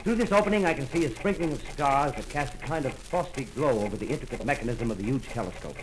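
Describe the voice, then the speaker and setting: An actor playing a polite, brisk radio field reporter describing a scene live in a 1930s radio drama. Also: male voice, mid-range voice, a little hiss or hum, natural voice, rough recording.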